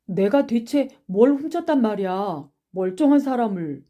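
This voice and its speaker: A cornered schoolboy snaps back in short, stubborn replies, as a woman puts him on. His voice sits higher than the reader's own and stays soft and mellow. He is heard in a storybook audiobook reading. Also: unhurried, lightly acted. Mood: indignant. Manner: curt, stubborn retorts. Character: defiant poor schoolboy Suman, cornered and stubborn.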